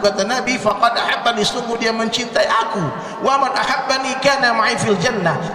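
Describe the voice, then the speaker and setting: A jovial man from Indonesia gives a sermon to a live congregation. His voice sits a little high and rings through a big reverberant hall, heard from some way off the mic. He jokes with the audience and drives points home with rhythmic repetition. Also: a bit bright, far from the mic, slight background noise. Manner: jokey, addresses the crowd directly, rhythmic repetition. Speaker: preacher. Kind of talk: humorous religious talk to a congregation.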